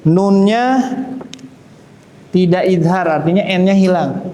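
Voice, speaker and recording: A man's voice: high-pitched, takes it slowly, a loud crowd. A man teaching Quran recitation, patiently explaining and modelling sounds for students to repeat. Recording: echoey room.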